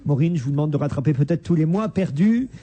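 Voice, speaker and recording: A man's voice: fairly high pitch, lively intonation, fast, dark tone. A male radio host reading listener messages aloud in a teasing tone and breaking into laughs. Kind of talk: reading listener mail with banter.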